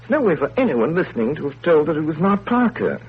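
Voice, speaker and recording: An actor playing a weary, coolly detached country doctor in a 1930s radio drama, speaking in a measured, reflective way. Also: male voice, a little high, big pitch swings, slightly rough, full character voice. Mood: cool reflection. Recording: muffled, phone-like 1930s radio broadcast.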